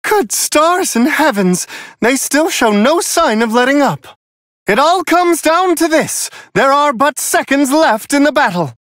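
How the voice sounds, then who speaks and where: A man's voice: extremely high pitch, lively intonation, unhurried, fairly bright tone, dry recording, clean studio sound, exaggerated voice. A male actor voicing Whis, a refined, playful otherworldly angel giving courteous, theatrical, wryly amused fight commentary in a video game. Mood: grand, courteous. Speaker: match commentator.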